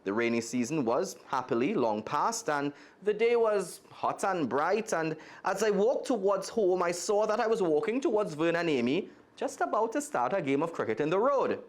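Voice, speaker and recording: A guest storyteller from Trinidad and Tobago reads a children's story aloud, speaking straight to young listeners in a Trinidadian accent. His voice sits high and swings widely in pitch, moving at a normal speed with few pauses.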